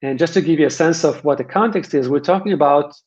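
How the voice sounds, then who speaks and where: Over dull, band-limited webinar audio, a software vendor's presenter with an Israeli accent speaks at a quick pace in a slightly high, darkish voice. His style is conversational, emphatic, and full of repeated phrases meant to drive the points home.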